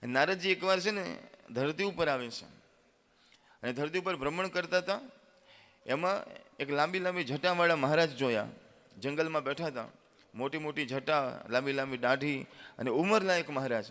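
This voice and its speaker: A man telling a devotional story in a sermon, with animated narration and acted quotes. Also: on the high side, normal speed, pauses often, long reverb tail. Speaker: religious storyteller.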